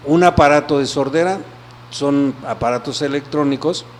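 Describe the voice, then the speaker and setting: A man, an audiologist answering interview questions in an explanatory way, often checking in with a quick question. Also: fairly high pitch, a little hiss or hum. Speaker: audiologist guest.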